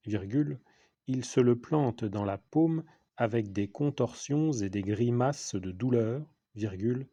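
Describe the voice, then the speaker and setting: A French-accented teacher reads a dictation to schoolchildren, repeating each phrase and saying the punctuation aloud. His mid-range voice is dark with a breathy edge, recorded with no echo.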